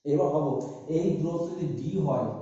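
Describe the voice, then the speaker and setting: Male physics teacher, high mellow voice, solves sums aloud, lo-fi recording in an echoing hall. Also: moderate pace. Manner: works through sums aloud, asking and answering himself. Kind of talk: classroom lecture. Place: large echoey room. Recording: echoey hall, dull lo-fi sound.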